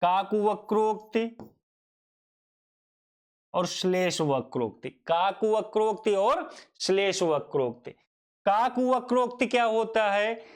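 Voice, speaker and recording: Slow, high-voiced male grammar teacher. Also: expressive. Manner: asks himself questions, repeats definitions; addresses students fondly as child. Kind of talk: Hindi grammar lecture.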